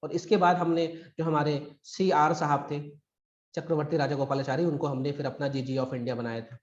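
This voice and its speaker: Recorded through a video call, a man teaches a live online history class for exam preparation, speaking conversationally and emphatically and acting out quotes. His voice is a little high with a level tone and a moderate pace, and the sound is lo-fi in an echoey room.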